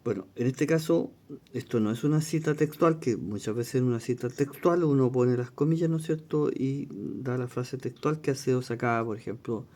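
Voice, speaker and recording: A man teaching an exam-prep lesson, reading questions aloud and explaining them, often checking in with a quick question. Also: medium pitch, dark tone.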